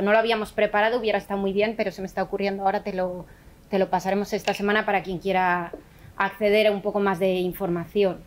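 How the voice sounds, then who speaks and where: Earnest woman thinking aloud. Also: mid-range voice. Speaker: teacher activist. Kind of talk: conversational explanation.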